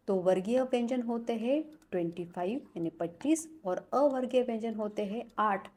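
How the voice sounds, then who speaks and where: A woman teaching Sanskrit letters, sounding out each one slowly and deliberately. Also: mid-range voice, mellow. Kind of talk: explaining a lesson.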